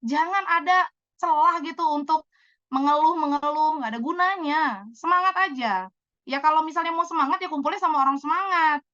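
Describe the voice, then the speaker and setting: A woman in her thirties, telling lively stories in a chatty, animated way as she answers questions on a talk show. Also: high voice, brisk, dry recording, dull audio. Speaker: business speaker answering questions.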